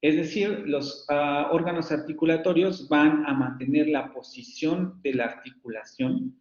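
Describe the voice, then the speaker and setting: A man's voice: a little high, fairly even intonation, unhurried, a little mellow. A man teaching a university phonetics class in a recorded online lecture, explaining at length and modeling sample words aloud. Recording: roomy, dull lo-fi sound.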